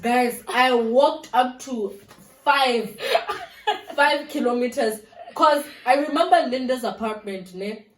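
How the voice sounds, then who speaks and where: Woman telling a story high voice, echoey room. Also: slow pace, a little hiss or hum. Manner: animated, acts out quotes. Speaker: vlog co-host. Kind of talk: casual storytelling to viewers. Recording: echoey room, mic at a distance.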